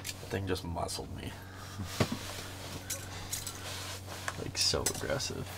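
A young man in a small ice fishing shelter, giving excited running commentary on each bite as he fishes. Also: deep voice, takes it slowly, creaky, heavy background noise.

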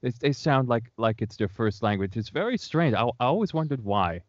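A man hosting an interview, talking in a halting way with many repeated words and restarts. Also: mid-range voice, lively intonation, no room sound, dull audio. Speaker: podcast host. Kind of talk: interview conversation. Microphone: remote video call.

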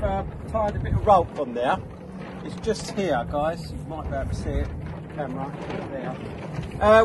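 A middle-aged man chatting as a vlog host from a small sailing boat at sea, jokey and self-mocking, filming himself on a phone at arm's length. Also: high-pitched. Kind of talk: casual vlog chat. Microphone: phone camera at arm's length. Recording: wind and water noise.

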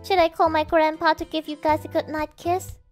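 A woman's voice: little pitch movement, brisk, soft background music. A woman using a voice changer to voice a cutesy young female anime streamer persona, gushing and stammering. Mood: sheepish. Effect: voice changer making the voice high and childlike. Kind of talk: playing a comedy sketch.

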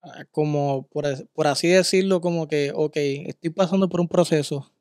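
A man's voice: fairly high pitch, fairly even intonation, darkish tone, no room sound, clean studio sound. Agreeable man on a faith podcast. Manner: affirming, answers with amen and quick agreement.

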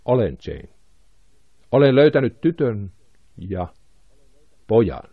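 A man voicing a calm, fatherly lord of the jungle in an audiobook. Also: fairly low pitch, no echo, phone-quality sound. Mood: warm.

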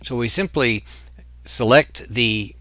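A man teaching software in a screen-recorded tutorial, explaining each step patiently. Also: medium pitch, slow, no echo. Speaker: software instructor.

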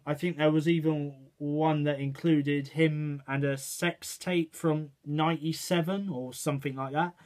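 A man ranting his opinions to camera in a rambling way, checking in with "right" and "okay". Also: fairly high pitch. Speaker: vlogger. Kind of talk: casual opinion rant to camera.

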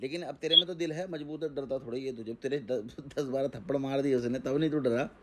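Heard over a phone line, this man plays the role of a guru, offering a caller instructions in an easygoing chat and often confirming that he's getting through. He talks fast, in a mid-range voice with a slightly bright quality.

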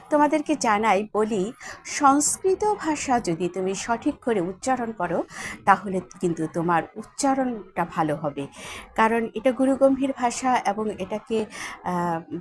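A woman with a Bengali accent teaching a Sanskrit lesson at a board, spelling words out letter by letter and asking her students checking questions. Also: mid-range voice. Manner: asks the class checking questions. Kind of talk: classroom lesson at a whiteboard.

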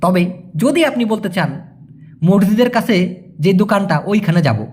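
A man from Bangladesh giving a casual spoken language lesson, repeating each word slowly for pronunciation and talking to viewers as brothers. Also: sits high, expressive, darkish tone. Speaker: language teacher.

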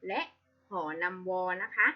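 Woman primary teacher, slow and patient, slightly dull lo-fi recording. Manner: patient, spells out each sound carefully. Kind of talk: slow, clear classroom reading lesson.

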